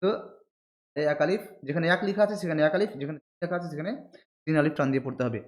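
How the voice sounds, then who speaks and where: A man teaching Quran pronunciation in Bengali. He speaks patiently, repeats each letter slowly and stretches the sounds while explaining where the tongue and throat should sit. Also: on the high side. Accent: Bangladeshi Bengali. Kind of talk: pronunciation lesson with drawn-out letter demonstrations.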